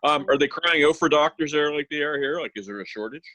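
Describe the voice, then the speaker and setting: A man's voice: on the high side, fast talker, pushed and bright, no room sound, low-quality recording. A man, hosting an interview in casual chat. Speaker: interview host.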